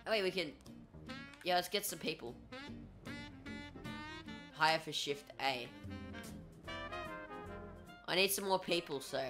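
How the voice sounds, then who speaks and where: Excitable young man narrating gameplay. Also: fairly high pitch, takes it slowly, long pauses, over music. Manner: excitable, talks to himself, swears at the game. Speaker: gaming YouTuber. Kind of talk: casual gameplay commentary.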